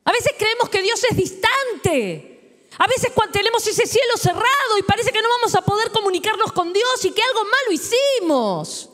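A woman's voice: very high-pitched, sing-song, moderate pace. Argentine woman preaching in an echoey hall. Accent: Rioplatense Spanish. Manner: swings from hushed and tender to loud and exclaiming. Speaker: pastor. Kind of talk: sermon. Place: large church hall. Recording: echoey hall with long reverb.

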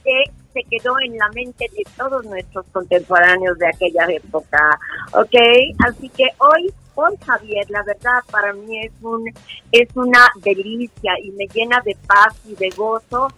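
A woman's voice: a little high, animated, a little slow, pushed and bright, breathy edge, dry recording, faint music behind. An older woman, a guest calling into a talk show by phone. She sounds faint and far off, and she talks affectionately, full of endearments. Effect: phone call, heard faintly as if from far off. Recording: distant phone line.

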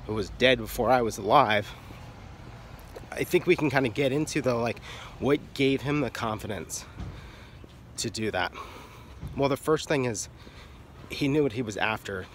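A man's voice: mid-range voice, fairly bright tone, a little hiss or hum. A man giving casual, frank explanatory talk about art in an offhand, irreverent manner. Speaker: artist and video creator.

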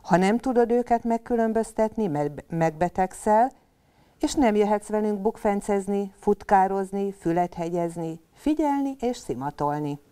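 A woman's voice: mid-range voice, mellow, smooth, pitched above the performer's own voice, close to an everyday voice. A woman voicing a patient, instructive father rabbit in a children's storybook reading. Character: patient father rabbit teaching his kits.

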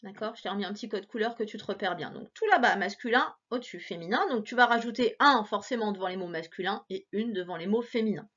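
A woman teacher giving a recorded reading lesson to a child, encouraging and playful, stretching out words slowly. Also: medium pitch, animated, fairly bright tone, lo-fi sound. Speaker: primary school teacher.

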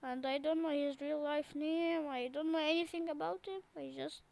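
A woman giving casual gameplay commentary, excitable and repeating herself in pleading cries. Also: sits high, moderate pace, vocal fry. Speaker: gaming channel host.

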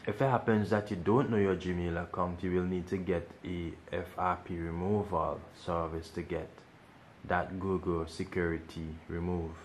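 A man's voice: low-pitched, level tone, moderate pace, a little hiss or hum. A man hosting a casual how-to video, explaining each step and repeating instructions as he goes. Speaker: tech tutorial host.

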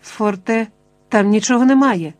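A woman's voice: medium pitch, normal speed, darkish tone, no echo, natural voice. A woman voicing a panicked plump middle-aged man who begs in a rush of pleading words. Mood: desperate. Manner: frantic, pleading, tumbling words.

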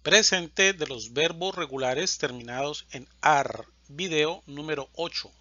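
A man teaching Spanish, reciting verb conjugations in a slow, deliberate drill and stressing each verb form. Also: on the high side, pushed and bright, no echo, lo-fi sound.

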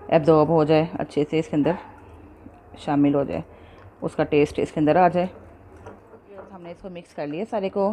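Lady doing a cooking tutorial, lowish mellow voice, patient step by step, bit of background hiss. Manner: patient, explains each step, checks in with viewers. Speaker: cooking show host.

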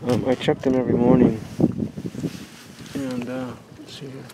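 Filmed with a handheld camera mic on a windy marina dock, with loud water and boat noise, this casual walkthrough vlog features a youth sailing nonprofit's skipper showing off his sailboat. He talks in a rambling, cheerful manner, leaning on fillers, in a mid-range voice of little pitch movement and normal speed.

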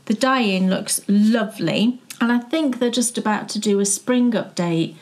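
A woman's voice: mid-range voice, a little slow, a little mellow. A middle-aged woman from South Yorkshire chatting casually about yarn as co-host of a knitting show, musing aloud with restarts. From South Yorkshire, England. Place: living room with yarn shelves, indoors.

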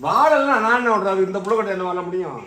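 A man's voice: high voice, fast, pushed and bright. A man leading an exorcism ritual, a priest who commands and repeats his questions insistently. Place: shrine. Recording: echoey room, distant mic.

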